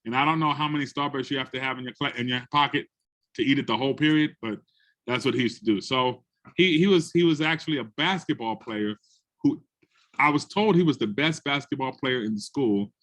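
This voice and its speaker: Speaking a little fast in a mid-range voice, a man from the Bronx, New York shares classroom stories as a guest speaker and educator. He's animated in the conversation, voicing the people he quotes.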